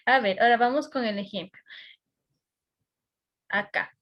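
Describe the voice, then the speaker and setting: A woman's voice: on the high side, measured pace, lo-fi sound. An Ecuadorian woman teaching a class over a video call, patient and checking often that students follow. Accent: Ecuadorian Spanish.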